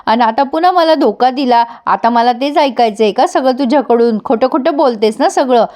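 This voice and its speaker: A woman's voice: fairly high pitch, moderate pace, a little mellow, natural voice. A woman voicing a stern, suspicious older mother-in-law who owns a large estate. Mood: scolding. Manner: scolding, suspicious.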